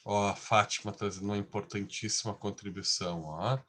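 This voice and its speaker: A man's voice: fairly low pitch, fairly even intonation, fairly quick, pushed and bright. A man giving a class lecture in a conversational way, often tagging his sentences with questions. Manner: conversational, frequent tag questions.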